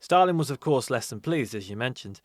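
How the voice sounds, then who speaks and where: A man co-hosting a podcast, narrating history in a steady, measured way. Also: medium pitch, dry recording, clean studio sound. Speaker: podcast co-host. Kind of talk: reading history notes in casual podcast.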